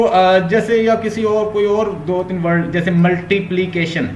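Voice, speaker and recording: A male linguistics teacher with a Pakistani Urdu accent, giving an online lecture and explaining step by step while mixing English terms into his Urdu. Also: a little high. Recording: roomy echo, faint background hum.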